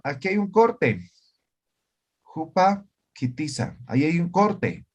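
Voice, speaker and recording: A man teaching an online language class, explaining grammar step by step and often checking that students follow. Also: a little high. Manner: explanatory, checks understanding with frequent "¿ya?" and "¿no ve?".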